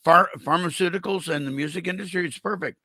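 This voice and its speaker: An older man hosting a casual interview, talking haltingly with speech impeded by a swollen mouth. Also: high-pitched, pushed and bright, dry recording. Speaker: interview show host. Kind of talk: casual chat.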